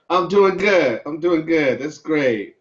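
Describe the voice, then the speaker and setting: Halting man hosting on dull audio. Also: a little high, expressive. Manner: halting, heavy on fillers. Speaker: co-curator and interviewer. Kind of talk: casual interview hosting.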